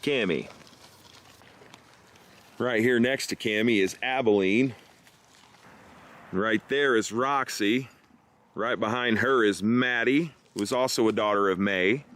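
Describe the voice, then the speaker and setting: A man's voice: medium pitch, takes it slowly, long pauses, fairly bright tone. A man talking casually and explaining things as a farmer co-hosting a vlog. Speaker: goat farmer and co-host. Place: outdoors in a goat pasture. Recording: outdoor noise with bleating goats. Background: goats bleating, faint outdoor ambience.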